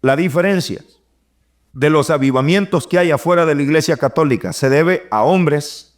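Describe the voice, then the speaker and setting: A middle-aged man, preaching an animated sermon and acting out the voices he quotes. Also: fairly high pitch, moderate pace.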